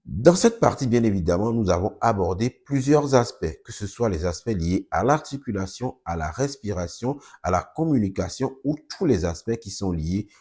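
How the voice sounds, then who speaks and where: A man with a low, mellow voice lays things out for the viewer. He speaks as a speech therapist presenting his work in a video, steady and earnest, with a slightly husky edge. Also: normal speed.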